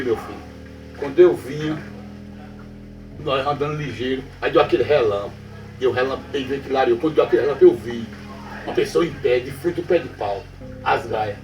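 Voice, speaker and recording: A man's voice: mid-range voice, fairly quick, a little mellow. Northeastern Brazilian man spinning a folk tale. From Brazilian Northeast backlands. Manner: repetitive, checks in with the listener often. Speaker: storyteller. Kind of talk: spoken folk tale told to a listener. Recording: roomy sound from a distant mic with faint music.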